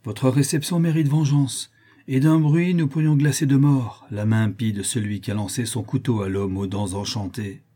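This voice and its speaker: A man's voice: mid-range voice, animated, normal speed, mellow, breathy edge. A man reading an audiobook who voices a haughty adventurer giving orders in a raised voice. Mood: commanding. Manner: haughty, commanding. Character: bold English adventurer, commanding.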